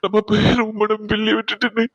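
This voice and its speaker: A man's voice: high voice, completely flat delivery, quick pace, fairly bright tone, dry recording, dull audio. A man voicing a tearful, grieving young son. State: crying. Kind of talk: animated drama dub.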